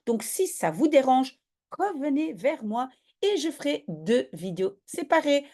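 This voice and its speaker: A woman's voice: high voice, a little slow. A woman, reading a children's story in Dutch and explaining its grammar as a teacher. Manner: lively, switches often between reading and explaining.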